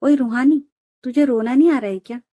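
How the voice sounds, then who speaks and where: A woman's voice: sits high, brisk, dark tone, no room sound. A woman voicing a teasing young female friend of the bride in a storybook reading. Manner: teasing, coaxing. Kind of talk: storybook narration.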